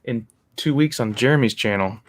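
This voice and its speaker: A man's voice: mid-range voice, moderate pace, dry recording. A man hosting a casual group video chat in an easygoing way. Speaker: host.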